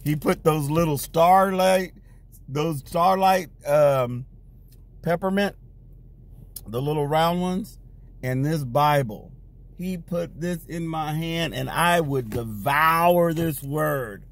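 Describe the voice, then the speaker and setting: A man's voice: a little high, slow pace. A man preaching, telling his own testimony in a conversational, storytelling way, growing fervent at times. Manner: conversational storytelling, many restarts and "you know"; grows loud and fervent when recounting prayer. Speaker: pastor. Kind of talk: sermon testimony.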